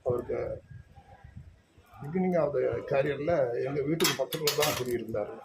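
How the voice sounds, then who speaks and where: A man's voice: mid-range voice, a little slow, noisy background. A man working as a voice doctor talks through a consultation in a friendly, reassuring, chatty way. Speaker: doctor treating voice problems. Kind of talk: clinic consultation and chat.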